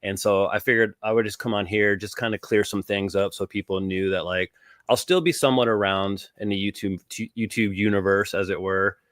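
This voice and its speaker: A man in his forties with a lowish voice, chatting as a livestream guest. He speaks in a halting, loose way, stopping and restarting often and dropping in "man". The sound is dry and close. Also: steady tone, fairly bright tone, no room sound. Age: 40s. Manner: halting, many fillers, says "man" often. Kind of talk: casual livestream chat.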